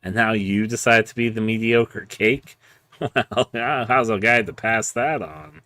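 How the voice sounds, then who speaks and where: A man streaming a horror game, giving live commentary and reading game text aloud in a drawn-out, playful, theatrical way. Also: fairly low pitch, bright, forceful tone, no echo. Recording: music behind the voice. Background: game music.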